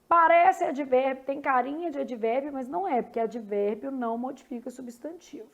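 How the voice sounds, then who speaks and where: A woman's voice: high voice, normal speed. A woman with a Brazilian accent teaching Portuguese grammar in an online exam-prep lesson. She explains in a conversational way and often checks in with tag questions.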